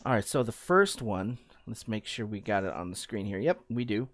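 A man's voice: on the low side, very animated, normal speed. A young man hosting a gaming podcast, talking casually and hesitantly with lots of fillers. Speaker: podcast host.

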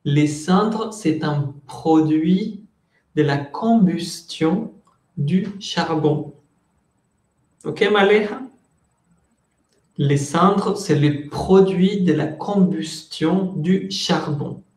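A man teaching a French class in Spanish, slowly repeating words and switching between languages while calling on students by name. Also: fairly high pitch, a little mellow, echoey room. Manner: slow, patient, repeats words to drill pronunciation.

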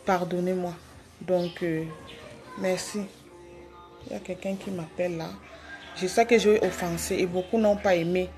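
A woman's voice: fairly low pitch, steady tone, normal speed, long pauses, darkish tone, faint music behind. Woman pleading on a phone live stream. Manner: pleading and repetitive, with hesitant restarts. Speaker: livestreamer addressing her followers. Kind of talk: live video apology.

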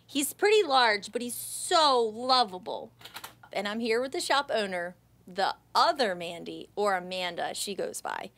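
Hosting a local shopping show in a small home decor shop, an American woman in her thirties speaks to camera through a handheld microphone with chatty, enthusiastic promotional energy. Her mid-range voice is expressive, a little slow, and a bit bright.

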